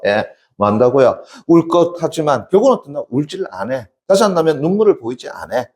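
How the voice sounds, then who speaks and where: A male academy teacher giving an exam-prep literature lecture, constantly asking check questions and answering them himself. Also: darkish tone. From South Korea. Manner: acts out poem lines with sudden high dramatic dialect.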